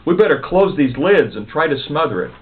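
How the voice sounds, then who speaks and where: A man's voice: fairly high pitch, big pitch swings, a little fast, recorded from a distance. A man voicing a practical old woman who gives orders and takes charge. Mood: bossy. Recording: narrow phone-like sound.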